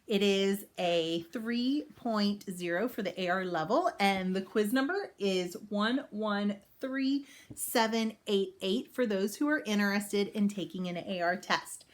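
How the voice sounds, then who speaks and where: A woman tells a children's book aloud in a mid-range, expressive voice, and she pauses along the way to make things clear for young listeners.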